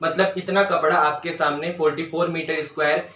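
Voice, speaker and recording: A man teaching a maths lesson step by step, often checking whether students follow and slowly dictating terms as he writes. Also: fairly high pitch, steady tone, pushed and bright, recorded from a distance. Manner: dictates English terms slowly while writing. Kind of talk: board-work maths lesson. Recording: roomy sound, voice away from mic.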